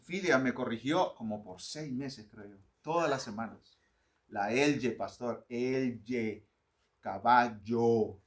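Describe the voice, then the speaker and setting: In an unhurried, mid-range voice, a middle-aged Honduran pastor jokes his way through a lively lesson for church readers, acting out how words are pronounced.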